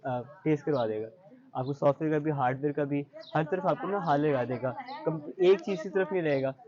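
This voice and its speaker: This interview guest is a young adult university student with a Pakistani accent who answers conversationally, explaining and advising with some English mixed in. He speaks a little fast in a slightly high, slightly mellow voice. The audio sounds dull.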